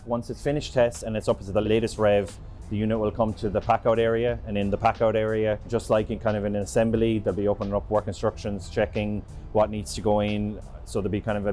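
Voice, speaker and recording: Low, even-voiced man. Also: a little hiss or hum. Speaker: facility staff guide. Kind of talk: explanatory walkthrough. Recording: background music under voice.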